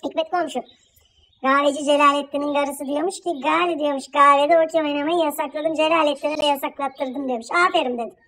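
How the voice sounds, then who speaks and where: A gossipy elderly village auntie, played for laughs by a performer, chatters and scolds down the phone. Her voice sits extremely high and shrill. She nags and bickers without letting up, in a one-sided phone call comedy sketch. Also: fairly even intonation, sharp tone. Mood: bickering gossip. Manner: scolding, quarrelsome, rapid gossiping. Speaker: comic character.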